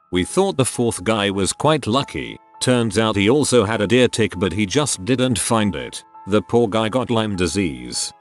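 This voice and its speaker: Low guy reading reddit-style stories, voice goes up and down a lot. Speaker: narrator reading forum stories. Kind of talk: scripted narration.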